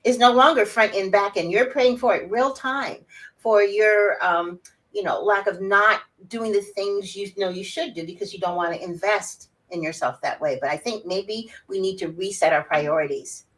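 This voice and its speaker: A woman's voice: mid-range voice, normal speed, recorded from a distance, rough recording. Outspoken woman in her sixties. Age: 60s. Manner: animated, outspoken, laughs often. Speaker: guest, wellness summit organizer. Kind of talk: casual interview chat.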